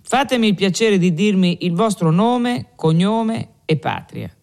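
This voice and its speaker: A man voicing a wary, dutiful middle-aged innkeeper in an audiobook, speaking in a measured, businesslike way. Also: high voice, lively intonation, creaky, a little mellow, heavily acted.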